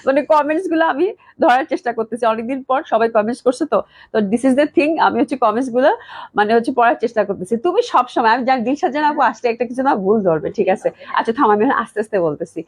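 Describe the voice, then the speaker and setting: A young woman from Bangladesh hosting a live sales stream, reading viewer comments and chatting quickly, often checking in with "okay?". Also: high-pitched, expressive. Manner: rapid, chatty, keeps asking "okay?". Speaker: live-stream clothing seller.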